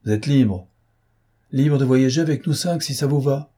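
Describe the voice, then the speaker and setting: A man voicing a stern adult German count, speaking in a rough, curt and commanding way. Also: mid-range voice, normal speed, dark tone, pitched above the performer's own voice, lightly acted.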